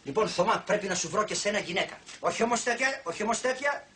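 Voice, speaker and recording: An actor playing a lecherous, boastful company director, bossy and teasing, in an old comedy film. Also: male voice, high voice, lively intonation, sharp tone, a little hiss or hum. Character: lecherous boastful middle-aged male boss. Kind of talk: 1980s film comedy acting.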